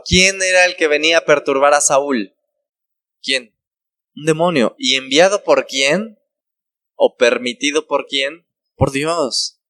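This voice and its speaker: Preaching in a medium-pitched, slightly bright voice with no room sound, a man poses rhetorical questions to the congregation. He briefly voices the characters in his parable, acting out their quoted dialogue.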